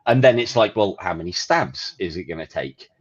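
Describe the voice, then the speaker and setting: A man co-hosting a podcast, chatting casually and profanely about games with an animated, ranting manner. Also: sits low, normal speed, lo-fi sound. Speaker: podcast co-host. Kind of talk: casual gaming chat.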